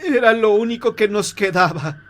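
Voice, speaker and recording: A man's voice: high voice, big pitch swings, a little slow, fairly bright tone, voice pushed up, full character voice. Man putting on a stunned, fearful old father.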